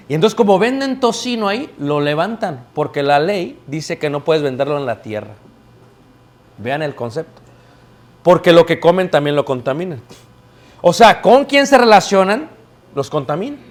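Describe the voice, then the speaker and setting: A man preaching to a live congregation in a church, his pitched notably high. He tells stories with energy and keeps tossing questions out to the listeners so they answer back. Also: normal speed. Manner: lively storytelling, calls out questions to the congregation. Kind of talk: sermon.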